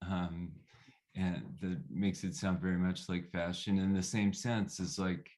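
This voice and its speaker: Man, deep voice, reflective, casual podcast talk. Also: fairly even intonation, a little slow, darkish tone. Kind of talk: casual conversation.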